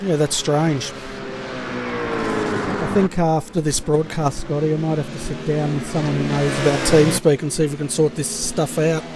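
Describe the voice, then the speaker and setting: A man's voice: on the high side, moderate pace, vocal fry, heavy background noise. A man doing easygoing, casual commentary on an online motor race over voice chat. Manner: easygoing, chatty, laughs with co-hosts.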